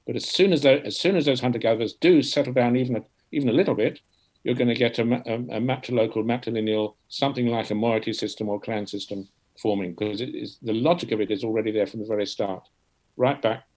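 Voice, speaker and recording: A man's voice: medium pitch, fast talker, darkish tone, rough recording. A man talking through an academic argument in discussion, repeating words as he restarts his sentences.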